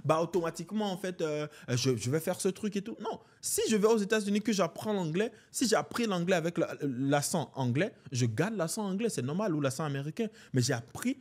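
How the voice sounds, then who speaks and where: Speaking a little fast with hardly any pauses, a man in his twenties with a highish voice chats as a podcast guest. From Benin and carrying a Beninese French accent, he's animated and slangy, repeating "en fait, tu vois" throughout.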